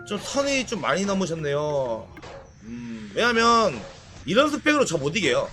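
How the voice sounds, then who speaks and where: A man streaming a game live, excitable and trash-talking, swearing and bursting into shouts during fights. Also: high-pitched, normal speed, faint music behind. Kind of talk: live game-play commentary.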